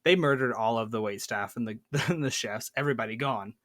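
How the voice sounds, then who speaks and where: A man's voice: mid-range voice, a little fast, a bit bright, no echo, clean studio sound. A man hosting a tabletop gaming podcast, telling a story in a playful, boastful way. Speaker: podcast host. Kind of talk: casual chat.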